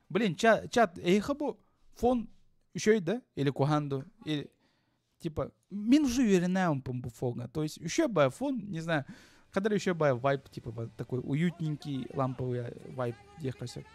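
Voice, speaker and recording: A man with a fairly high voice chats casually on a gaming stream. He is informal and sweary, with faint music behind him. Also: very animated, moderate pace, darkish tone, no echo. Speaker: video game streamer.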